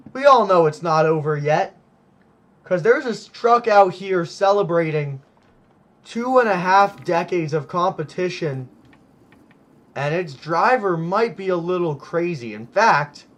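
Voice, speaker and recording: A man with a high voice commentates on a simulated monster truck event, delivering excited, hyped play-by-play and exclaiming often. His pace is unhurried, and his voice is starting to go.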